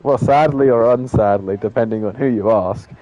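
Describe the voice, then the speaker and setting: A man's voice: on the low side, normal speed, warm tone, dry recording, muffled recording. A man hosting a sim racing league stream, reading results and chatting with drivers in a loose, filler-heavy way. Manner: filler-heavy, rambling, frequent "I mean". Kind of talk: casual post-race interview.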